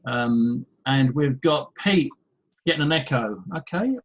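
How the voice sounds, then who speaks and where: A man from England with an English accent, hosting a live webinar and chattily reading out attendees' names with quick asides. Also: mid-range voice, animated, rough recording. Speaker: webinar host. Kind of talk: casual live webinar welcome. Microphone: headphones with mic.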